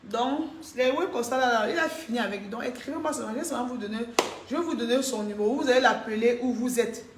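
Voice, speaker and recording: A woman's voice: on the high side, quick pace, roomy sound, noisy background. A woman, chatting casually on a live stream, reading comments and answering viewers, laughing often.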